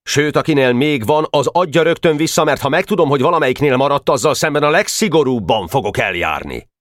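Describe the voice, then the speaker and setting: A man's voice: a little high, lively intonation, a bit bright, dry recording, clean studio sound, voice pushed up. A man voicing a stern middle-aged schoolteacher who scolds a group of boys. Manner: scolding, commanding.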